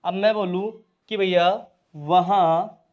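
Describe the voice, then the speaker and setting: A man's voice: high voice, steady tone, slow, lo-fi sound. A man with a Hindi accent teaching an English lesson, asking his students questions and answering them himself.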